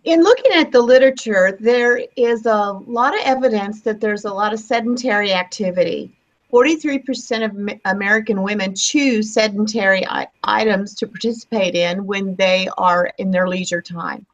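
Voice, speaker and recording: A woman in her fifties walks through a literature review for a class project. Her voice sits in a middle pitch, she sometimes stops and restarts a word, and the recording sounds dull and lo-fi. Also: normal speed. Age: 50s. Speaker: student presenter.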